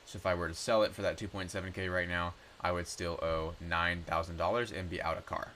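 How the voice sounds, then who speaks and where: A brisk personal finance YouTuber in his twenties talks through his numbers during a casual screen-share, loose and chatty with frequent ums and small corrections. His low voice is raspy from a cold but remains bright and forward. A faint hiss sits under the audio.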